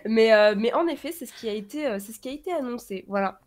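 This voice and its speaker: A woman's voice: fairly high pitch, lively intonation, fast talker, a little mellow. A woman on a casual online panel presenting a news item, loose and hesitant with many fillers.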